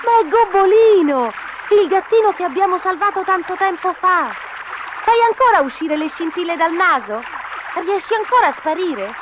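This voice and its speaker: A woman voicing a group of excited young farm children who shout in a shrill, eager way in a storybook reading. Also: a little fast, hardly any pauses. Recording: noisy background.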